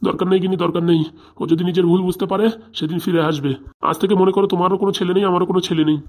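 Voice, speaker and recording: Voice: mid-range voice, steady tone, very fast, close to an everyday voice. A performer voicing a hurt rural father who reproaches his son and later resigns himself in a cartoon. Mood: resigned. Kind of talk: cartoon voice acting.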